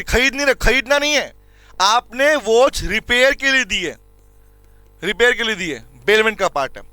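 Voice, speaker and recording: High, bright-voiced Indian teacher man. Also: dry recording. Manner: repeats key points and quizzes students with rhetorical questions; calls students "beta" and "bhaiya" fondly. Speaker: commerce law teacher. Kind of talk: classroom lecture.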